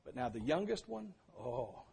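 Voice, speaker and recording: An older man preaching a sermon, telling stories and building to fervent shouts. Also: mid-range voice, sing-song, moderate pace, vocal fry, slightly rough. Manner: storytelling, builds to shouting at climaxes.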